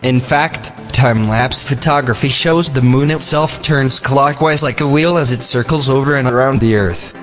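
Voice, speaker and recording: A synthetic male text-to-speech voice like an old speech synthesizer, reading a scripted narration in a flat, mechanical manner. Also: medium pitch, normal speed, hardly any pauses. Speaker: video narrator. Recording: long reverb, music behind. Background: music.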